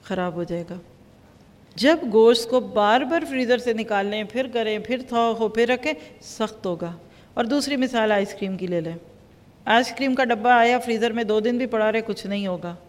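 A woman teaching a Quran lesson, lively and acting out everyday dialogues as examples. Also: a little high, long reverb tail. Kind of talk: religious lecture.

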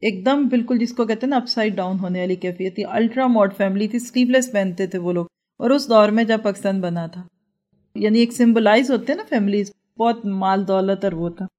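A woman teaching a Quran class in an animated lecture, telling personal stories and asking many rhetorical questions. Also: medium pitch.

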